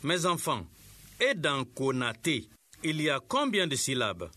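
A man teaching a scripted radio lesson, giving slow, clear instructions to teachers and pupils. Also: on the high side, very animated, sharp tone.

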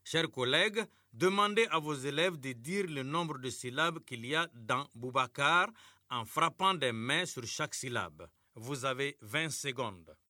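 A man leads a radio lesson for young pupils. His voice is strikingly bright and lively in pitch, and he speaks very slowly and clearly. The studio sound is dry and close. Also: no echo. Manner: slow, clear, patient classroom delivery. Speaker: radio teacher and host.

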